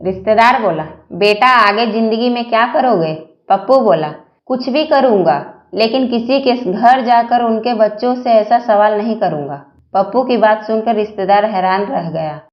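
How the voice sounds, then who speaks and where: A woman reading a series of short jokes aloud, telling them slowly and evenly with the quoted lines. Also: a little high, reverberant, highs cut off. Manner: slow, even joke telling with quoted lines. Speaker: joke narrator.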